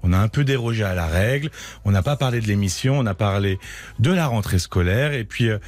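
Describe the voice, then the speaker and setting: A man's voice: on the low side, animated, fairly quick, darkish tone. A French man co-presenting a radio show, giving an informal announcement into a studio microphone. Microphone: close studio microphone.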